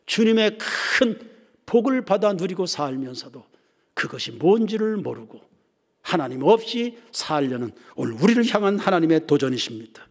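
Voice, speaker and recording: A male pastor preaching a sermon, swinging from ringing emphasis down to hushed near-whispers. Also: high voice, very animated, normal speed. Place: church sanctuary. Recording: reverberant church hall.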